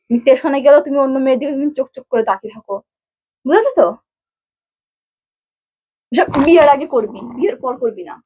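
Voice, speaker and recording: A woman's voice: high voice, animated, fast, long pauses, mellow, dull audio. A young woman scolding her husband in a heated domestic argument, repeating herself insistently. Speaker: vlogger's wife.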